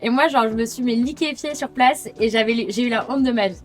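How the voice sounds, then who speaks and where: Young female guest, chatty and informal, somewhat high-pitched, loose anecdote delivery. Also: a little fast, soft background music. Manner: chatty, slangy, with "genre" and "en mode". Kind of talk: casual chat, telling anecdotes.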